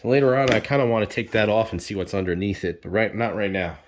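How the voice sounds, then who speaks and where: A man's voice: fairly low pitch, quick pace, noisy background. A man giving casual unboxing commentary, rambling and unsure, thinking aloud with fillers as he moves around his home, sometimes drifting away from the camera mic. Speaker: product reviewer.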